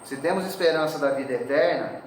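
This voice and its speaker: Preacher in a very echoey hall. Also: male voice, medium pitch, brisk, slight background noise. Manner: conversational, often adds tag questions. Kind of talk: sermon. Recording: very echoey hall, speaker far from mic.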